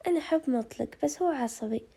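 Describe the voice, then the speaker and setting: A woman's voice: high voice, rapid-fire, vocal fry, dark tone, breathy edge, heavily acted. A woman doing Muayyad, a clumsy cheerful young man. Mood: pleading.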